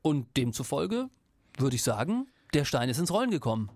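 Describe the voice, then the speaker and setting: A man's voice: medium pitch, very animated, moderate pace, darkish tone, dry recording. Casual male podcast co-host, dry close sound.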